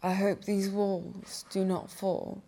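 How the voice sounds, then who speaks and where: A young woman, a poet, reading her own poems aloud in a cathedral with slow, measured delivery. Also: mid-range voice, little pitch movement, gravelly, dark tone. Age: young adult. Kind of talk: poetry reading.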